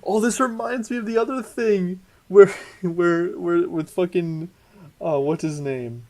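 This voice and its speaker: A young man co-hosting a casual podcast movie discussion, excitable, swearing a lot and stumbling over restarts. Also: high-pitched, measured pace. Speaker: podcast co-host.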